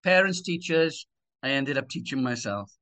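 This interview guest is a man in his sixties from Swansea whose Swansea Welsh accent colors his conversational personal testimony. His voice is medium in pitch and fairly bright, animated, at a moderate pace.

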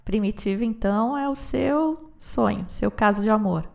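A woman's voice: medium pitch, moderate pace, vocal fry. A woman hosting a podcast, chatting casually and asking her guests follow-up questions. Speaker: podcast host. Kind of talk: casual interview chat.

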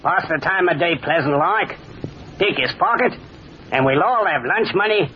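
A gloomy pickpocket, played by a man, speaks in terse, flat, slightly high lines. The dull old radio recording has a faint hiss. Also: normal speed, lightly acted. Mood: curt. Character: gloomy, curt male pickpocket.

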